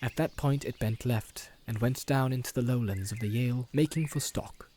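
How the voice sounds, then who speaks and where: A man reading an audiobook aloud, in calm, even scripted narration. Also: mid-range voice, normal speed, slight background noise.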